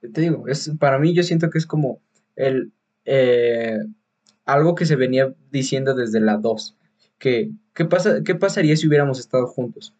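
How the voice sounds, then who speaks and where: Husky rambling Mexican man. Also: mid-range voice, moderate pace, a little mellow. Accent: Mexican Spanish. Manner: rambling, many fillers and restarts, slangy. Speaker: podcast host. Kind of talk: casual film review chat.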